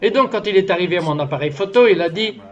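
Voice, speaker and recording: High-voiced man dubbing a testimony. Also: fast talker, highs cut off. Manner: earnest storytelling, acts out the dialogue of his story. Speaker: interview guest telling a testimony. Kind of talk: French voice-over dub of a testimony.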